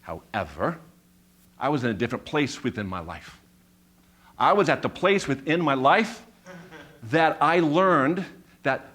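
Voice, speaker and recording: A man in his fifties gives a talk on stage, telling a personal story with a stutter that repeats sounds and words. His voice is on the high side and a bit bright, and he builds his points through measured, emphatic repetition.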